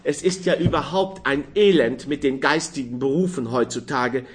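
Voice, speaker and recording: A man's voice: medium pitch, normal speed, slight background noise, natural voice. A man voicing a chatty, fussy middle-aged aunt who rambles and hands out advice in an audiobook. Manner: rambling, busybody advice-giving.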